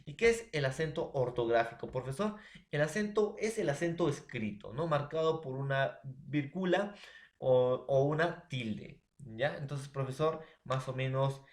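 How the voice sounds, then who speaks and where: A male teacher walks his students through a grammar lesson, speaking at a middling pitch. He works step by step and keeps checking in with his listeners. The room around him sounds echoey. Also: measured pace. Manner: explains step by step, calls the listeners "profesor" and "jóvenes". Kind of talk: classroom lesson.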